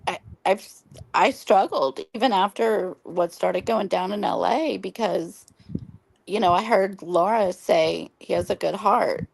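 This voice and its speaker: A woman's voice: mid-range voice, a little slow, vocal fry, no room sound. A woman from Oklahoma hosting a casual late-night livestream chat, telling long earnest stories with many ums while losing her voice from smoky air. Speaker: livestream host.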